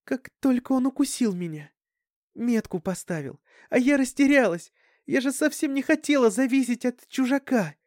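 Young woman, tearful and self-doubting, high strained pleading tone, voiced by a male reader, dry close recording. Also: expressive, moderate pace, a little mellow, no room sound. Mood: upset, tearful.

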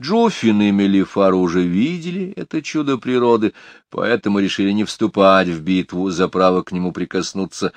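A man reading a first-person audiobook narration in an expressive, lively storytelling manner. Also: low voice, dry recording. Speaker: audiobook reader. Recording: dry close studio sound.

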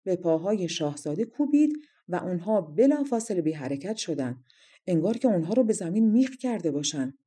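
A woman narrating a fairy-tale audiobook in a calm, measured reading. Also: on the low side, breathy edge. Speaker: storyteller.

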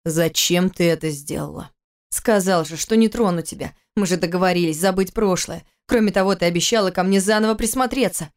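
A woman reading an audiobook, voicing a hot-tempered, jealous young husband in a lowered voice. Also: fairly quick, natural voice. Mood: stern.

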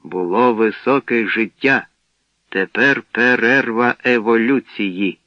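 A man voicing a calm male ship robot that speaks in a measured, clipped, businesslike monotone. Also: medium pitch, no echo. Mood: flat calm. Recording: dry, dull lo-fi recording.

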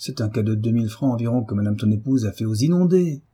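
Guy reading as a sneaky sweet-talking bailiff, dark husky tone, audiobook. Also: medium pitch, lively intonation, fast talker. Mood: sly. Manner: sneering, honeyed. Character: sly fawning middle-aged male bailiff.

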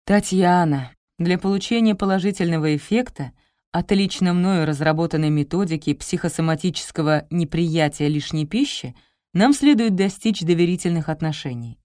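A woman's voice: on the low side, animated, normal speed, warm tone, dry recording, studio quality, lightly acted. A pompous sixty-year-old male doctor, read by a woman. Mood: lecturing. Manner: pompous and lecturing.

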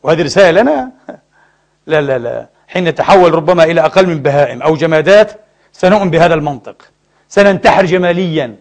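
A man delivering a sermon in a high, quick voice. He drives his points home with emphatic rhetorical questions to the congregation. He weaves in stories and asides as he goes. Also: animated. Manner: storytelling with asides and jokes. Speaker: preacher.

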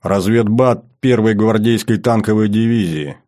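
A man reading an audiobook, voicing a gruff, mustached army sergeant who speaks curtly and barks commands. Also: lowish voice, moderate pace, mellow, natural voice. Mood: stern. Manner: curt, barking commands. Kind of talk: audiobook character voice.

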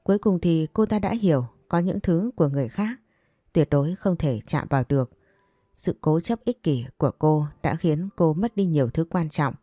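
A woman narrating an audio story in a steady, matter-of-fact reading. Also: low voice, normal speed, dry recording, studio quality.

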